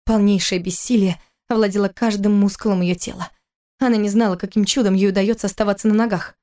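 A woman's voice: mid-range voice, fairly even intonation, fast, mellow. Woman narrating an audiobook. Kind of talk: scripted narration.

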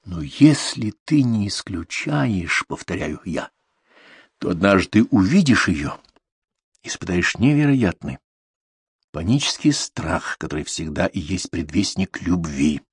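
Male narrator, low husky voice, lively and expressive delivery, dry close sound. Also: no room sound. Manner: intimate, addressing his son. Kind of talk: audiobook reading of a confessional novel.

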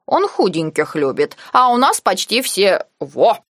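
A woman reading the part of a proud, buxom maid with rustic, drawn-out speech. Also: mid-range voice, very animated, fairly bright tone, no echo, clean studio sound, exaggerated voice.

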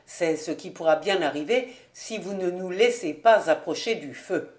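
A woman reading a storybook aloud and voicing an angry, hot-tempered male cooper with a gruff, blustering manner. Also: on the low side, moderate pace, close to an everyday voice.

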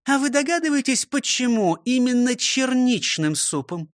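A woman puts on a prim, bossy old teacher who is proud of her cleverness, in a high and lively voice. The recording is dry and close. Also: normal speed, no echo.

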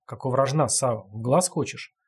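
A rough male convict growls and hisses irritably, annoyed at being woken up, voiced by a male reader. The voice is husky and grating. It is a crime audiobook scene with the voices acted in. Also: mid-range voice, brisk, close to an everyday voice. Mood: irritable. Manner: irritable, rasping. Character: gruff sleepy male convict, irritable and rude.

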